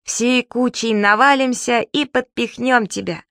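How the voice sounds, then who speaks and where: A woman reading as a cheeky, boyish little magical creature from a storybook, high-pitched, loud and bouncy. It shouts and bosses people around, and the sound is close and dry. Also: a little slow, no echo. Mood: shouting.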